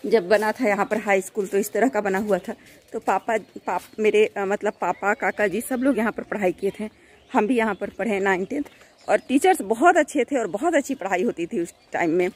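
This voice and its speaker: A woman's voice: medium pitch, normal speed, darkish tone. A middle-aged woman from Bihar with a Bihari Hindi accent, vlogging on a walk through an old village school while guiding her son. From Bihar, India. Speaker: vlogger and mother. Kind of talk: casual walking vlog. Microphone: phone held at arm's length.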